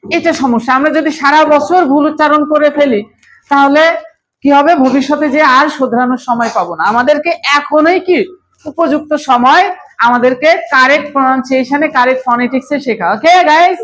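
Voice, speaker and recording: A woman's voice: high-pitched, fairly quick, fairly bright tone, poor audio. A woman with a Bangladeshi accent teaching a children's spoken English class, coaxing the room and checking "okay?" again and again. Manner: coaxing, repeats "okay?" often, mixes Bengali and English.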